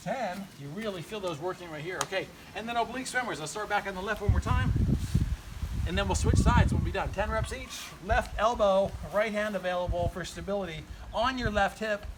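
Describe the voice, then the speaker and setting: A man in his forties working as a fitness trainer, giving casual, encouraging exercise instruction outdoors in a garden. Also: high voice. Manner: encouraging, counts and cues. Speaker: fitness trainer hosting a workout video. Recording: outdoor recording with clear background noise.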